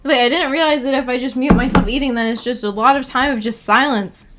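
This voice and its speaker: Talking fast over music, a livestream host with a high, steady-toned voice chats casually about a visual novel. Her manner is musing and hesitant, punctuated by giggles.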